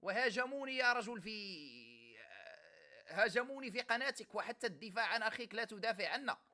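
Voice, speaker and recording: An Egyptian man with an Egyptian Arabic accent hosts a live stream and reacts to viewer comments. His voice is bright and forceful. He answers with biting sarcasm. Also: high-pitched, sing-song, brisk. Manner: mocking, sarcastic, reads comments aloud.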